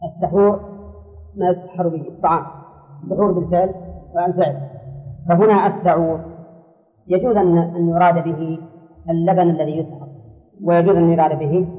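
A man lectures on Islamic law, answering students and repeating his key terms as he explains. His voice sits a little high. The sound is thin and phone-like, with a long echo from a large hall. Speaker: religious scholar teaching a class.

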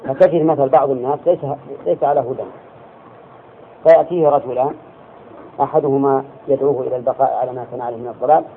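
A male religious teacher giving a classroom lesson, explaining slowly and checking his students with quick questions. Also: medium pitch. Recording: tinny lo-fi lecture recording with faint hiss.

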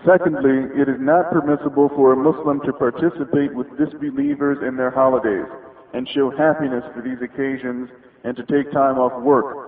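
Man reading formally on muffled, echoey tape. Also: mid-range voice. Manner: formal, deliberate, with Arabic phrases. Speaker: reader of religious rulings on a taped lecture. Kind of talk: scripted religious reading. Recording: muffled phone-like old cassette tape, echoey reverberant room.

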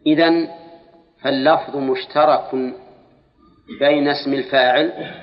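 A man's voice: medium pitch, steady tone, unhurried. Male religious teacher, lecture style, stretches words to quiz his class, muffled hall recording with a lingering echo. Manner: questions students, drawls words for emphasis. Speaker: Islamic scholar teaching Quran exegesis. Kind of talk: classroom lecture on Quranic grammar.

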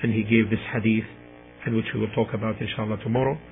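A man gives a religious lecture in measured, deliberate phrases, alternating between recitation and translation. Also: lowish voice, flat delivery, gravelly, faint music behind. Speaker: Islamic lecturer. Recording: muffled, tinny radio-like sound.

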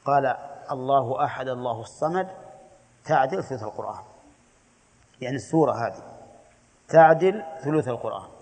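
A man at a middling pitch gives a religious lesson in a classroom. He explains each point patiently and often asks his students a question before he answers it. His voice rings with the long echo of a hall. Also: expressive, brisk, long pauses, a little mellow. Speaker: Islamic scholar teaching a creed text.

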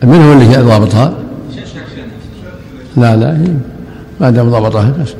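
An older sheikh with a dark, gravelly voice gives short corrections and frequent quick acknowledgments as he teaches. His voice carries a long echo through a large hall, with faint ambient noise behind it. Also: mid-range voice. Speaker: sheikh teaching a classical text. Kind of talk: lesson commentary and corrections.

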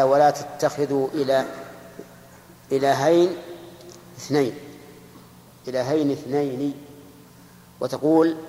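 A man's voice: mid-range voice, a little mellow. Man teaching in an echoey hall. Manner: slows down to dictate quoted verses and examples; asks the class questions and repeats key points. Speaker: grammar teacher. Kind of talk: classroom lesson explaining verse text. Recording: echoey hall with long reverb.

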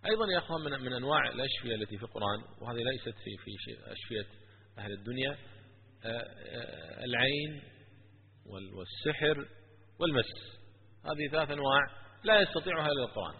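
A man preaching and telling stories in an animated religious lecture. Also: mid-range voice, fast talker, a little hiss or hum. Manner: animated, with stories and rising emphasis. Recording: tinny lo-fi with long hall echo.

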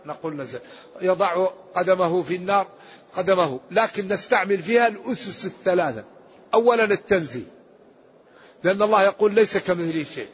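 A man's voice: high voice, breathy edge. A man giving an emphatic religious lesson on scripture, explaining points with rhetorical questions. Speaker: Islamic scholar giving Quran commentary. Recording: dull lo-fi recording.

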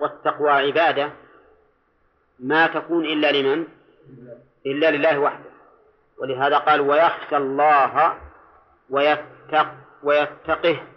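A man teaching Quran commentary in a classroom lecture, speaking deliberately, repeating key phrases and quizzing his students. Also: fairly high pitch. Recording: dull lo-fi lecture recording.

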